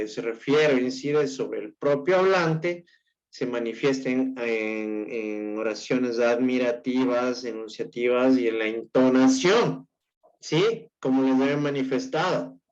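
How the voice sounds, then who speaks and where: A man with an Ecuadorian Spanish accent lectures to his class at an unhurried, deliberate pace. He explains step by step, keeps checking whether his students are following, and stumbles on and repeats words. The recording sounds dull and lo-fi. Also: mid-range voice, darkish tone. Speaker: teacher.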